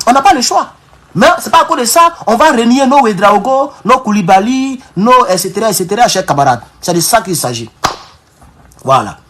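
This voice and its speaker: Hosting a live-streamed political talk, this man speaks with an African French accent in a high-pitched, very animated voice that is fairly bright and a little quick. Fervent and emphatic, he repeats himself, restarts words, and keeps calling his audience comrades.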